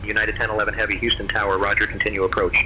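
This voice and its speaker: A male air traffic controller comes through a noisy aviation radio channel, his low voice rattling off clearances quickly with almost no rise or fall. He sounds distant, and steady static sits under every word. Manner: flat, brisk controller readout. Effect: noisy aviation radio transmission. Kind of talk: clipped radio phraseology.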